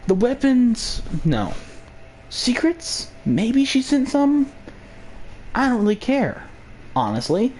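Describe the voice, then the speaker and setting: A man's voice: very high-pitched, huge pitch swings, slow, long pauses, a little mellow, a little hiss or hum. A young man hosting his own vlog, rambling through a sarcastic political rant full of jokey asides. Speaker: vlog host.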